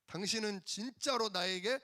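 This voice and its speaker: A man's voice: high voice, normal speed, pushed and bright. A preacher acting out an exasperated wife scolding her husband with sighing exclamations.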